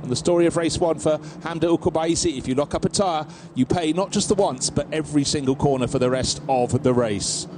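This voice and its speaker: A man's voice: fairly high pitch, a little fast, hardly any pauses, background noise. A man giving live race commentary as a motorsport commentator, mixing action calls with analysis and storytelling.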